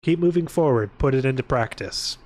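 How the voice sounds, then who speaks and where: On a casual livestream, a man rambles informally, swearing, cutting himself off, and wandering onto tangents. His medium-pitched voice has a darkish tone, with lively intonation and a brisk pace.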